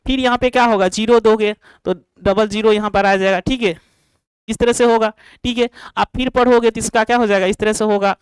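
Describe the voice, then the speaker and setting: A woman's voice: a little high, steady tone, smooth, no echo, poor audio. A woman teaching a math lesson to students online, repeatedly asking rhetorical questions and answering them herself, and checking in with the class as she goes. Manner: drawn-out, repetitive explanation.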